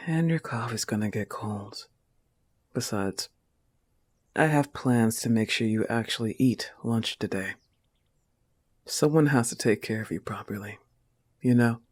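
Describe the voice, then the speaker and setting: In an intimate audio roleplay, a man voices a goth wolf-girl girlfriend, speaking slowly and softly and often sinking into breathy whispers. His pitch is average for a man, and his manner is tender, teasing, and territorial.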